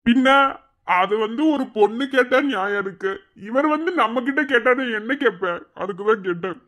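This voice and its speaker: A woman's voice: a little high, a little fast, fairly bright tone, close to an everyday voice. A woman voicing an awkward, well-meaning young village man in a cartoon, asking fumbling, hesitant questions. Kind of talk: cartoon voice acting.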